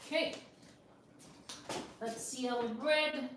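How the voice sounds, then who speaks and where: A woman's voice: high-pitched, fairly even intonation, extremely slow, noisy background. A woman hosting a casual home cooking demonstration, repeating words for emphasis and checking in with short questions. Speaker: home cooking video host. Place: indoor kitchen. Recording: echoey room with clattering dishes.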